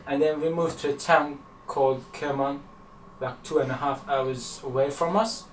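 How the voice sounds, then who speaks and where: A young man from Afghanistan giving interview answers in a halting, hesitant way, pausing on fillers. He is picked up from across a small room, so the sound is roomy and distant, with a faint hiss underneath. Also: fairly high pitch, fairly even intonation. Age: young adult. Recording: echoey room, from far off.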